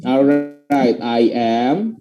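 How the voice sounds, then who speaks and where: A young man teaching English pronunciation in an online class, patiently repeating example phrases slowly and dropping English phrases into his explanations. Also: mid-range voice, expressive, lo-fi sound.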